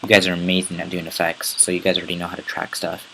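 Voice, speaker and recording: A man with a raspy voice giving a casual, rambling step-by-step software tutorial. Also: sits low, monotone, fast talker, a little hiss or hum, rough recording. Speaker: tutorial host. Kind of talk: screen-recorded software tutorial.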